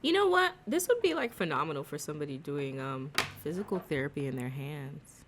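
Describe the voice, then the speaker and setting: A woman streamer chatting casually and teasingly, quick to laugh. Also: low-pitched, sing-song, slight background noise.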